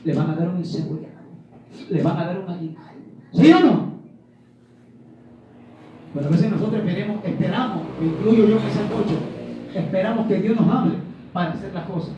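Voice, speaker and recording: A man's voice: high-pitched, brisk, pauses often, warm tone. A man from Ecuador preaching a Pentecostal sermon, asking his congregation questions and acting out little dialogues. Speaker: evangelist preacher. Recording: very echoey room, voice from a distance, faint noise.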